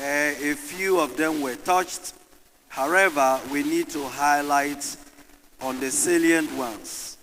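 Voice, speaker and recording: A man's voice: fairly high pitch, a bit bright. A man with a Ghanaian accent moderating a conference panel, rousing the audience and calling for responses. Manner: rousing, calls for crowd responses. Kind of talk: conference address. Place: large conference hall. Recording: echoey hall with faint room noise.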